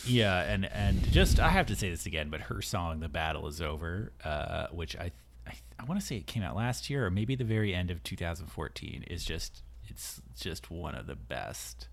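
A man's voice: sits low, big pitch swings, normal speed, creaky. A man hosting a music podcast in casual chat, enthusiastic and rambling with many fillers. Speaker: podcast host.

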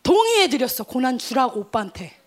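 Female youth pastor, middle-aged, high bright voice, animated storytelling sermon that builds to fervent calls. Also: a little fast. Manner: animated, rising to fervent exhortation.

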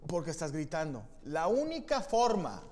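A Mexican man with a high voice that swings all over. He is co-hosting a podcast in crude, joking casual chat, and acts out little scenes. The recording carries a long reverb tail. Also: sing-song, moderate pace, crowd noise. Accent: Mexican Spanish. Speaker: podcast co-host.

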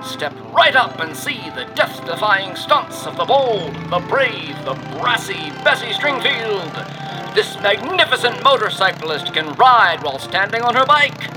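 An actor playing a showy carnival barker who pitches a stunt show in a booming, theatrical way, with music behind him. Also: male voice, rough recording. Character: showy carnival barker man, loud and grand. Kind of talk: audio drama acting.

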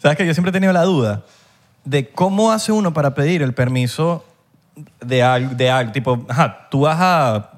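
A man's voice: mid-range voice, moderate pace. A man with a Venezuelan accent chatting loosely on a casual podcast, joking and swearing. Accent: Venezuelan Spanish.

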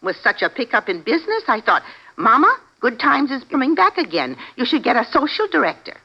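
This is 1950s radio drama acting from a muffled, dull vintage broadcast: a middle-aged woman plays an anxious, motherly boarding house proprietress, newly a landlady, with a grown son. Her high voice is very animated, brisk and heavily acted, swinging up and down as she talks in a chatty, hopeful, emotional and folksy way with fretful phrasing.

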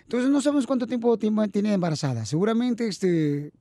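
High-voiced radio host. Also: male voice, fairly quick, warm tone, no room sound, clean studio sound. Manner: affectionate, calls callers "mi amor" and "hermosa". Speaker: radio show host taking callers. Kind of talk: call-in radio talk.

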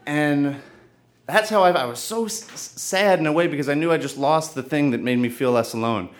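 A man telling a personal story live on stage, earnest and halting, with frequent restarts. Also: a little high.

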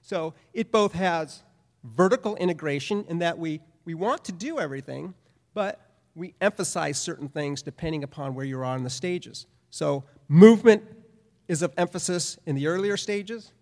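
A man's voice: fairly high pitch, lively intonation, moderate pace, a little mellow. A middle-aged man giving a conference presentation as a professor, speaking emphatically with repeated phrases. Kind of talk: lecture presentation. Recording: long hall reverb.

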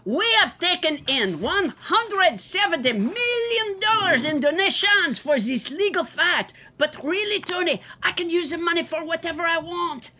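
Woman playing boastful male president parody, high pitch, sharp bright tone, blunt, pompous, comedy sketch. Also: lively intonation, unhurried, few pauses, full character voice. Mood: smug, dismissive. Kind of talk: comedy sketch press conference.

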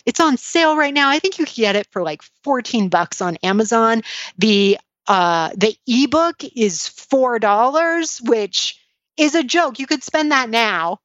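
A woman's voice: a little high, expressive, measured pace, fairly bright tone, no echo. A woman chatting casually as an interview guest, self-deprecating, with slightly slurred, slushy sh-like s sounds. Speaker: podcast guest, author and blogger. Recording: dull lo-fi sound.

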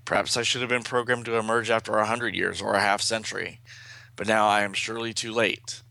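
A solemn female robot from a comic book, read out by a man, speaks in formal, resigned speeches. The voice is gravelly and fairly low, with a forceful edge. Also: steady tone, fairly quick, no room sound. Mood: grave, regretful. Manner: formal, declamatory.

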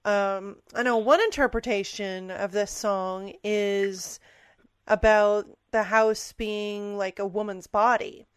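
A woman's voice: mid-range voice, fairly even intonation, slow pace, clear, resonant tone, dry recording, clean studio sound. A woman co-hosting a music podcast, chatting casually and saying "like" often. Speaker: podcast co-host.

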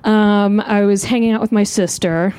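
A woman comedian telling a comic story live on stage, animated and self-mocking. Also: normal speed, clean tone. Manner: animated, self-mocking, jumps into high voices. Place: live show outdoors.

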